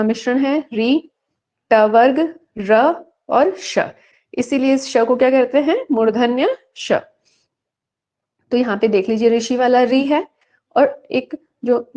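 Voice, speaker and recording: A woman gives an online exam-prep lecture in a slightly high voice. She asks questions and answers them herself, and she chants the rule lines slowly. The audio is dull and lo-fi. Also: warm tone. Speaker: Sanskrit teacher.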